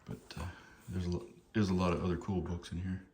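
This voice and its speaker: A fast-talking man in his fifties with a low, slightly mellow voice and little pitch movement chats casually with viewers while showing books from his collection. He rambles, hesitates, and sounds amused and apologetic. Noticeable background noise is present.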